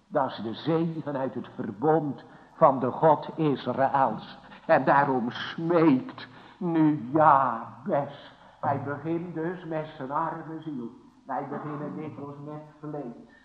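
A man preaching a sermon in a church, solemn and emphatic, asking his listeners rhetorical questions, his loudness rising and falling. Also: a little high, slow pace. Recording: lo-fi recording with long church reverb.

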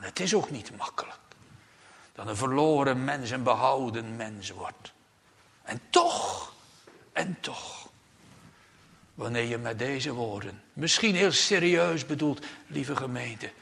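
A man preaching a solemn, urgent sermon in a church, swinging between hushed near-whispers and loud emphatic outbursts and repeating his key phrases. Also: mid-range voice, creaky. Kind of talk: sermon from the pulpit. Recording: long church reverb.

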